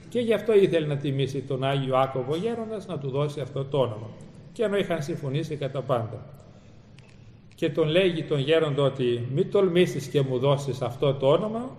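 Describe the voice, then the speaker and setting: A man's voice: on the high side, a little mellow. A man preaching and retelling a story dramatically, using formal church phrasing. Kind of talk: sermon storytelling. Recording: echoey hall with faint ambience.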